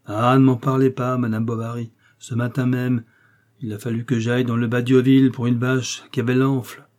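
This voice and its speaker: A man voicing a coarse, bustling older country priest who talks loudly and jovially. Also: mid-range voice, flat delivery, normal speed, natural voice. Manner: loud, jovial, scolding.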